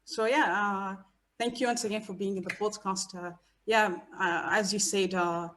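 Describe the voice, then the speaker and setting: A woman from Egypt, a guest researcher, talking about herself in a casual interview with many pauses and fillers. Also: medium pitch, steady tone, a bit bright, slight background noise. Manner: hesitant, many fillers and restarts.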